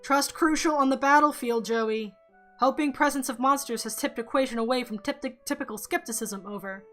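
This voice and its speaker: A woman's voice: high voice, normal speed, fairly bright tone, soft background music. A woman voicing a paranoid teenage boy in a put-on robotic voice, speaking in terse, clipped radio talk. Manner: terse, clipped, ends each turn with "over". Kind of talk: reading a story game aloud.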